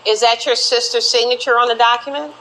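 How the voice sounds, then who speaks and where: A woman's voice: a little high, steady tone, a little fast, a bit bright, a little hiss or hum, poor audio. A woman TV court judge questioning people in a stern, authoritative manner.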